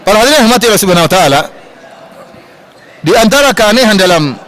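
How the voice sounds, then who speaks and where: A male preacher with a fairly high voice lectures at a quick clip. He lifts his voice when he quotes scripture, giving the talk an animated, emphatic drive. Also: poor audio. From Indonesia. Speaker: Islamic preacher. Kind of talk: religious study lecture. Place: large mosque.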